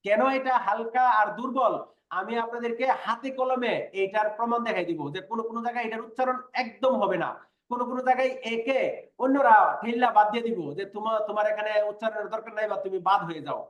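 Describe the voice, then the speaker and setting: High-voiced man teaching in an echoey room. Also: quick pace. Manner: patient, repeats sounds and asks if students follow. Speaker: Korean language teacher. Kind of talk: online class lecture.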